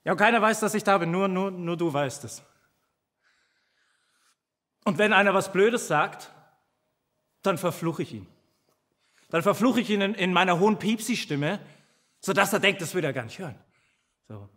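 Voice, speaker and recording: An actor playing a devoted protective companion who imagines himself tiny and vengeful, speaking in a halting theatrical monologue that keeps stammering and repeating words. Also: male voice, sits high, lively intonation, fairly bright tone, long reverb tail. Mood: tender. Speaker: stage actor in a filmed play.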